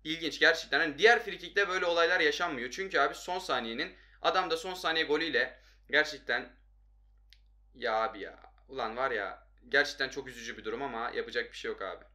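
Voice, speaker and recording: Young male gaming YouTuber, highish pitch, quick to frustration, casual play-by-play commentary. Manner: excitable, frustrated outbursts at the game.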